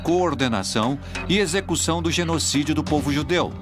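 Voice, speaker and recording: A man's voice: on the high side, brisk, close to an everyday voice. A man reading scripted, dramatic documentary narration. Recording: loud music bed behind the voice. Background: prominent music.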